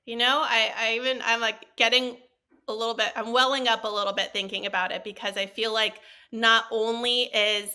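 A woman in her thirties, a guest on a podcast, talking earnestly and warmly about cooking on a budget from her living room over a video call. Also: fairly high pitch, flat delivery, moderate pace, clean tone. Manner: earnest, heartfelt, explains step by step. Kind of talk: casual interview chat. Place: bright living room at home. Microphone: headset with handheld mic, video call.

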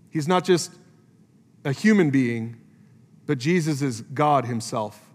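A man preaching a sermon as pastor, earnest, climbing high for emphasis and dropping low and soft. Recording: live church sermon with long hall reverb and faint music.

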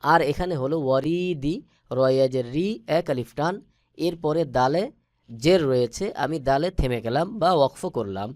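A man teaching Quran reading in a lesson, spelling out letters step by step and chanting the words slowly and patiently. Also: a little high, a little mellow, no echo, studio quality. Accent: Bangladeshi Bengali. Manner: slow, patient, drawn-out chanted recitation.

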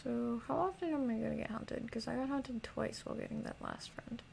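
A woman's voice: fairly high pitch, fairly quick, creaky, a little mellow, a little hiss or hum, low-quality recording. A young woman streaming a game, chatting casually and jokily to her chat and sometimes whispering. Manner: jokey, talks to chat, drops to whispers while hiding. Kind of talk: casual let's-play commentary.

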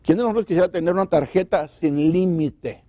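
Man, pastor, church sermon, rhetorical questions, slightly high voice, dry sound. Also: a little fast, warm tone, no echo. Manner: preaching with rhetorical questions and acted-out quotes. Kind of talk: Spanish sermon.

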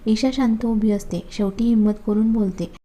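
A woman narrating a romance story in a steady, matter-of-fact reading. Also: medium pitch, normal speed.

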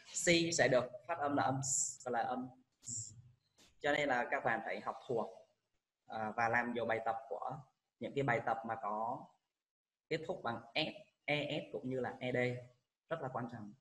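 During an exam walkthrough lesson, a man who teaches high school English with a Vietnamese accent reads each English answer word slowly, following it with an explanation in Vietnamese. His voice is a bit bright and the recording is rough.

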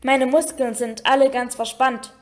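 A woman's voice: high voice, level tone, moderate pace, natural voice. Woman doing a grumbling young schoolboy. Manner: complaining, puzzled. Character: grumbling, puzzled twelve-year-old schoolboy.

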